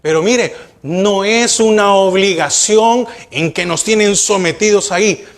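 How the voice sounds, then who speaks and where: Pastor, male, high voice, preaches with rhetorical questions and direct appeals to the pews. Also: measured pace. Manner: asks the congregation rhetorical questions; addresses listeners directly, urging them to look and listen. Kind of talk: sermon.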